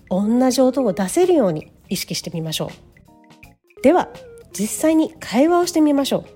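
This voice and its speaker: A woman's voice: on the high side, warm tone, husky. A woman teaching English pronunciation, patiently demonstrating each sound step by step, with faint music behind her.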